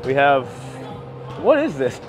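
An American travel vlogger in his thirties gives casual walking-tour commentary around a cruise ship's decks and indoor areas, filmed on a handheld camera held at arm's length. His medium-pitched voice swings hugely in pitch at a slow pace, with music underneath.

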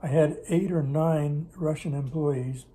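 An older man with a somewhat high voice, warm in tone, speaks at a measured pace with fairly even intonation. Sitting at his kitchen table indoors for a casual interview, he rambles through stories about doing business in Russia, correcting himself along the way. A camera placed on the table in front of him records him.

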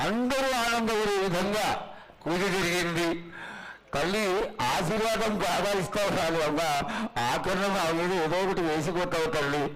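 A man speaks as a temple spokesman. His petition is formal, reverent and pleading. Clear noise surrounds him at a live ceremony. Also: high voice, normal speed. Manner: reverent, pleading, addressing the oracle as mother.

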